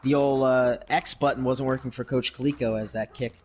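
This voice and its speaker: A man calling a simulated football game in broadcast style, with brisk play-by-play that rises on big plays and quick self-corrections. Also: mid-range voice, fairly even intonation, a little mellow, slight background noise. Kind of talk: mock broadcast sports commentary over a video game.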